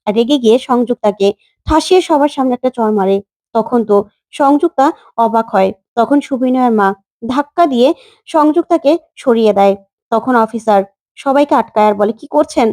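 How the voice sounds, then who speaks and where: Fast-talking woman retelling a drama. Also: a little high, darkish tone, dry recording. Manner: rapid, breathless retelling. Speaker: storyteller retelling a TV serial.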